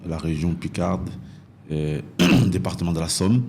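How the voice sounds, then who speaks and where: Hesitant and prone to repeating phrases, a thirtysomething man from northern France shares his own story as a guest on a podcast interview. His low, creaky, slightly mellow voice moves at a measured pace, with a little hiss or hum in the background.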